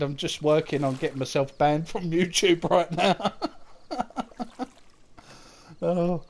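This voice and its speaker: Male game streamer, slightly higher voice, giggly, chats with viewers between comments. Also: a little mellow. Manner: giggly, keeps laughing at his own jokes; chats with viewers, reading their comments aloud. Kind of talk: casual live-stream chat.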